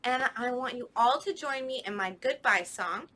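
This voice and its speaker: A young woman, a children's librarian, leads a storytime with rhymes, sounding sing-song and playful. Her voice is a little high, bright and forceful, at a moderate pace. She's recorded indoors in a library by a camera a few steps away.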